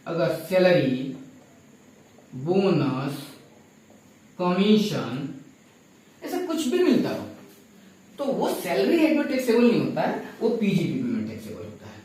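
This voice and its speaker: Man, teacher, lively up-and-down delivery, very echoey room, mic set far off. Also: high-pitched, fairly quick. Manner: explaining step by step with questions to students. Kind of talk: classroom lecture.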